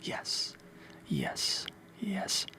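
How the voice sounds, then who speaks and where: An ASMR host whispers encouragement in a breathy, unvoiced voice, repeating motivational phrases over and over. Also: drawn-out words, bright, forceful tone.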